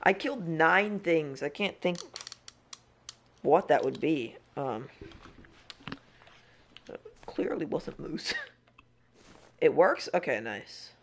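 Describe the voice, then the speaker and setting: A man's voice: fairly high pitch, takes it slowly, pauses often, a little hiss or hum. A young man streaming a hunting game, chatting casually and rambling with restarts and frustration. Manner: rambling, self-interrupting, frustrated. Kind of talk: casual live-stream chat.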